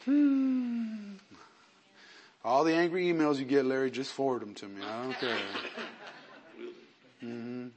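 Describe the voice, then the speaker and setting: A male pastor preaching a sermon who tells personal stories, moving between hushed storytelling and loud, emphatic preaching. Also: medium pitch, animated, slow, long pauses, a little hiss or hum. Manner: acts out quoted voices in his stories.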